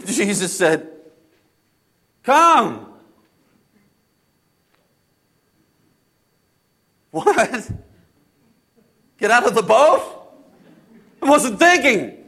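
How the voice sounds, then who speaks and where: A man playing an impulsive disciple in a first-person dramatic Bible monologue, halting and repeating his phrases as he swings between hushed and loud delivery. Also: sits high, animated. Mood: impulsive, stunned. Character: Peter, impulsive male disciple recounting storms at sea.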